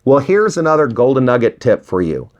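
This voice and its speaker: On dull-sounding audio, a man with a mid-range voice talks a little quickly as he coaches beginners in real estate investing. This motivational tutorial to viewers is folksy, emphatic and encouraging, and he leans on rhetorical questions and animated little scenes where he acts out imagined conversations.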